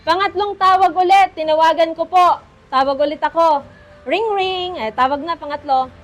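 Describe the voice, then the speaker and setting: Very high-voiced woman preaching a testimony. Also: moderate pace, soft background music. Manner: animated storyteller, acts out phone calls, asks crowd "Tama?"; sings worship lines mid-talk. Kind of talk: Taglish testimony sermon.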